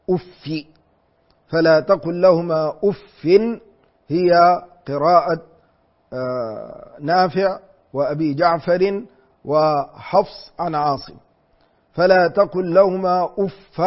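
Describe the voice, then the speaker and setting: A man teaching Quran exegesis in a deliberate lecture, repeating phrases and reciting verses slowly. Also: fairly high pitch. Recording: dull lo-fi recording.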